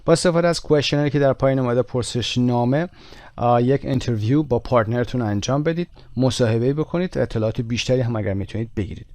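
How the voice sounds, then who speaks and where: A man with a Persian accent teaching an English textbook lesson, reading English examples slowly and clearly between explanations. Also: medium pitch, darkish tone, dry recording.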